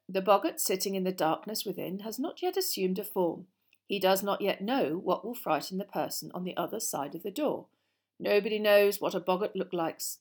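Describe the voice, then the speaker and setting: A calm, encouraging male professor of magic , acted out by a woman reader. He explains in a measured, teacherly way, as in an audiobook story, at a middling pitch.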